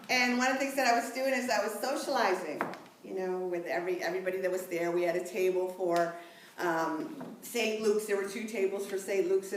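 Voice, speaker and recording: A woman's voice: on the low side, darkish tone, slight background noise. A woman minister giving a sermon in a church, mixing personal stories with scripture in a chatty, conversational way. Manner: conversational, chatty asides, laughs easily. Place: church sanctuary. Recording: echoey room, mic at a distance.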